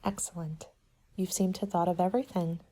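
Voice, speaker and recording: Her voice sits on the low side and stays level as she acts out an ASMR scene as a helpful party planner. The woman speaks softly, gently and with measure, often falling to a whisper.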